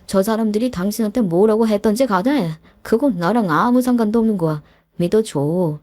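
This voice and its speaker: A woman's voice: medium pitch, darkish tone, no echo, close to an everyday voice. A woman voicing a young husband who anxiously denies and pleads, in a dramatized story reading. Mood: pleading. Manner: hurried pleading denials.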